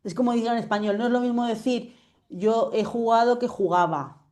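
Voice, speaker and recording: Patient woman teaching French, mellow voice. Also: fairly high pitch, brisk. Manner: patient, checks understanding often. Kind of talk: online class explanation. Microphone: video call.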